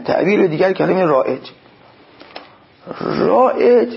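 Gravelly, husky male cleric preaching. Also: a little high, dull audio. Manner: exhorting, quotes Arabic and explains it. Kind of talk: sermon.

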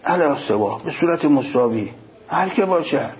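A man's voice: on the high side, lively intonation. Man preaching a sermon, dull lo-fi sound. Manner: recites Arabic passages then explains them in Persian; emphatic, rising on key points. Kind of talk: religious sermon. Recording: dull lo-fi recording, faint noise.

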